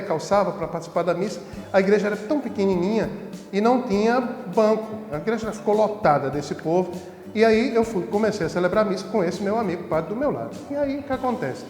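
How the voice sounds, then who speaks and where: A priest from the Northeast, with a notably high voice for a man, tells amusing stories from his parish life in a relaxed, chatty way. He laughs easily. The voice rings out in a roomy space with long reverb, and soft music plays underneath. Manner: laughs easily while telling funny stories. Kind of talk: casual storytelling. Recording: echoey room with long reverb.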